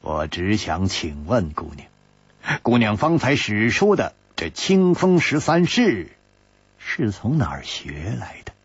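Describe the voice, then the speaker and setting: Casting: man playing an unflappable gallant swordsman, courteous, slow, husky, dull lo-fi recording. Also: on the low side, big pitch swings, no room sound, exaggerated voice. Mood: calm. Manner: unhurried and courteous. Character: calm smiling gallant male hero.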